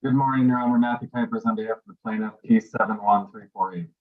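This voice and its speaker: A man with a lowish voice gives a brisk, formal appearance as attorney in a court hearing. His voice comes through muffled and hollow, as if he were talking from inside a barrel. The remote call line is dull and lo-fi. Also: fairly even intonation. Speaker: attorney for the plaintiff. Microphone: remote call audio.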